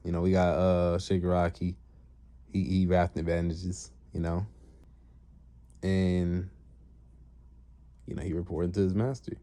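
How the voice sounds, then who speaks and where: A man's voice: low voice, flat delivery, a little slow, long pauses, warm tone. A man casually retelling a comic story in slangy, conversational talk.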